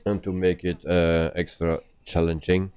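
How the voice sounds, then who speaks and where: Very deep, slow-talking man streaming, dull sound. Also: little pitch movement, clear, resonant tone. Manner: hesitant, explaining step by step. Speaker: flight simulator live streamer. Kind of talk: casual game commentary.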